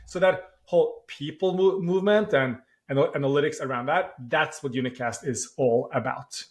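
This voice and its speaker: A Norwegian startup founder in his forties, speaking with a Norwegian accent, answers podcast interview questions thoughtfully, often pausing with "uh" and restarting phrases. His voice is a little high.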